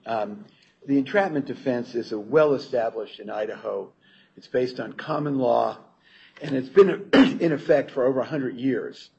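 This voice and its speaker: A man speaks as an appellate lawyer, giving a formal, explanatory legal argument in a somewhat halting way. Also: medium pitch, gravelly, dark tone. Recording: dull courtroom recording, faint noise.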